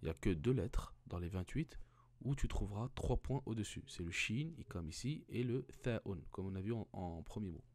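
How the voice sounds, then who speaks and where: Male tutor, unhurried and methodical, lowish voice, dry close recording, repeats syllables for learners. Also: animated, darkish tone, no room sound. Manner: patient, repeats each sound several times, asks rhetorical questions. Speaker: Arabic reading teacher. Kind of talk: slow step-by-step reading lesson.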